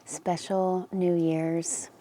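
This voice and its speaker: A woman with a low, dark voice leads a guided meditation, giving gentle instructions in a flat, unhurried and informal way. She pauses between phrases while wind chimes and ambient noise sound in the background.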